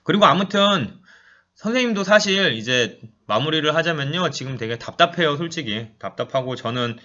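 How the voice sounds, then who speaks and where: A lively male teacher with a fairly high, bright voice that swings up and down as he explains a map to his class. He chats with his students and thinks aloud while he draws. The audio is dull and lo-fi. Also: moderate pace. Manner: chatty, addresses students directly, thinks aloud while drawing. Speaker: high school geography teacher. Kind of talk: online lecture while drawing a map.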